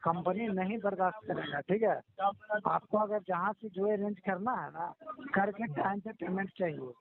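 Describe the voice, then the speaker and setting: On a recorded telephone call with crowd noise behind him, a loan recovery official argues for repayment. His voice sits high with vocal fry at a moderate pace, and he is pushy and scolding, repeating himself and interrupting.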